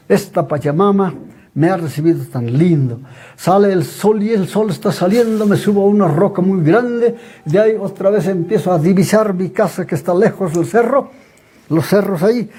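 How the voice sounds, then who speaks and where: Older bolivian man telling his story, high husky mellow voice, emotional, keeps saying brothers. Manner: emotional testimony, addresses listeners as brothers. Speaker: interview guest. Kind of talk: personal storytelling.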